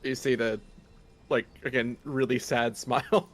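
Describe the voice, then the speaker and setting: A man's voice: medium pitch, steady tone, a little slow. A man playing a tabletop game, chatting casually, with faint noise behind him.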